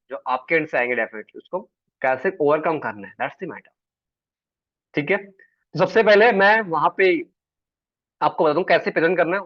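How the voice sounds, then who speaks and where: A man's voice: fairly high pitch, no echo. Chatty male sales trainer on a call. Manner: chatty, keeps checking in with the class. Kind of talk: online class teaching. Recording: dull, dry online call audio.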